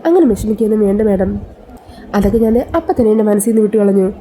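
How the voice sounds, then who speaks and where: An earnest, polite young woman, as a woman storyteller voices her talks affectionately in a serial retelling. The delivery is quick, and the voice is dark and mellow. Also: mid-range voice, lively intonation, slight background noise, natural voice.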